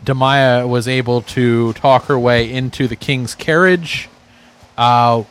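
A man giving a casual, unscripted recap on a tabletop game podcast, halting as he searches for words. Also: mid-range voice, steady tone, fairly bright tone, clear, resonant tone.

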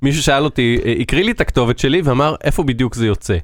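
A man's voice: mid-range voice, no echo, clean studio sound. Man telling stories in casual chat. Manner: storytelling, hesitant with fillers. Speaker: co-host.

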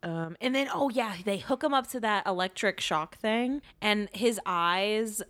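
A woman co-hosting a casual movie podcast. She talks at a middle pitch and walks through the film scene by scene. She tells it in an animated way and laughs often. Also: a little slow. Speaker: podcast co-host. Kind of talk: casual movie recap chat.

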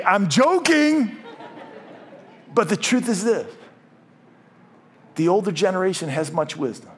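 Middle-aged male pastor, slightly high voice, jokey sermon delivery with stumbles. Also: a little hiss or hum. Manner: jokey, stumbles and repeats words. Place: church.

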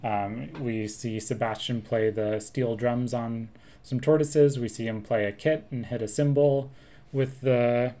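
Co-hosting a podcast in a casual chat, a man works through song lyrics thoughtfully and analytically, quoting lines with relish. His mid-range voice is steady, a little slow and dark in tone.

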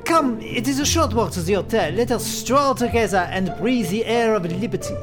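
An actor playing a fussy, flamboyant French revolutionary official in a comic musical, with theatrical, exaggerated delivery over loud music. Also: male voice, very high-pitched, lively intonation, normal speed. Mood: showy.

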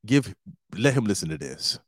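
Alone at the mic, this forties-aged comedian and podcast host talks casually and with slang, in a big-brotherly, advice-giving way. His lowish voice swings widely in pitch, with a moderate pace and a breathy edge, in a clean studio recording with no echo.

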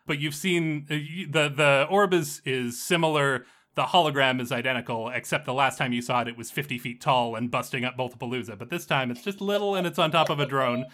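A man runs a tabletop role-playing game, narrating scenes at an easy pace. His voice is bright and forward, and he often repeats words mid-sentence. His pitch sits in the middle range for a man. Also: fairly quick, hardly any pauses. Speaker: game master.

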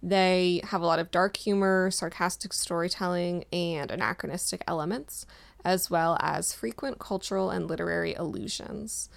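A woman's voice: on the low side, normal speed, gravelly. A woman writer co-hosting a book podcast, chatting casually, enthusiastic and informative. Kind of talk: casual chat.

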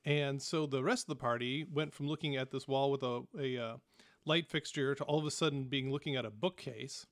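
A man narrating a tabletop game as game master, in a relaxed, descriptive way with casual fillers. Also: medium pitch, fairly quick, no room sound, clean studio sound.

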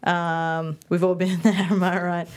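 Speaking at a measured pace, a Balinese woman in her youth answers interview questions in a flat, lowish voice. Her first languages were Indonesian and Balinese, Indonesian coming first, and her talk is chatty and loose, with plenty of fillers and false starts.

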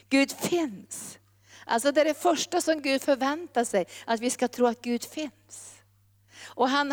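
A woman's voice: high-pitched, big-room sound. A woman preaching a sermon, emphatic and rising to fervent, repeated calls.

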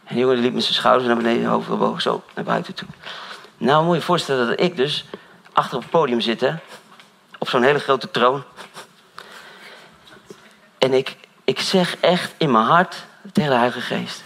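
A man preaching a sermon in a church, telling a story in an animated, conversational way and swinging between loud and hushed. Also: medium pitch, normal speed, creaky, long pauses. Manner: conversational, keeps saying "you know". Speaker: pastor.

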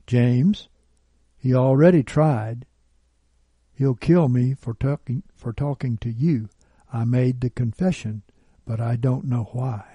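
A man reading aloud the lines of a scornful, arrogant woman who calls herself a witch, in a slow, husky voice with a dark tone. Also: mid-range voice, no room sound. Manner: contemptuous, arrogant. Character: scornful bitter woman, a self-declared witch. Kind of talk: read-aloud testimony.

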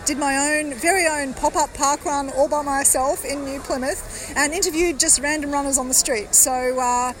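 An upbeat, chatty woman hosts a podcast as a roving field report, interviewing people at a crowded outdoor park event with crowd chatter behind her. Her high voice has fairly even intonation at a moderate pace with few pauses, and the low-quality recording carries a little hiss or hum.

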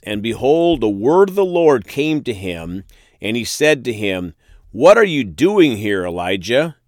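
A man's voice: mid-range voice, fairly bright tone, no room sound, studio quality. A man preaching a sermon, reading scripture verses aloud and then speaking to his listeners as friends and folks.

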